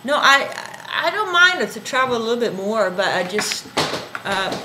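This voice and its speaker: A woman's voice: on the high side, big pitch swings, moderate pace, background noise. A woman co-hosting a casual chat, hesitant and trailing off with fillers as she explains what she wants. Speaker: co-host.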